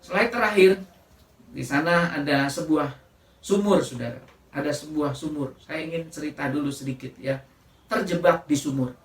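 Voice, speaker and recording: A woman preacher giving a sermon, telling a story in an animated way and often addressing the congregation directly. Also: sits low, moderate pace, roomy sound, distant mic. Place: church.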